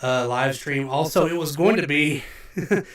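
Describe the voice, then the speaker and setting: A man's voice: on the high side, measured pace, far from the mic. A middle-aged man who is under the weather, rambling with many fillers as he hosts a casual livestream, his voice echoing as in a big hall. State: recovering from illness, under the weather. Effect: roomy echo like a big hall. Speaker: musician livestream host. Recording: echoey room, voice from off the mic.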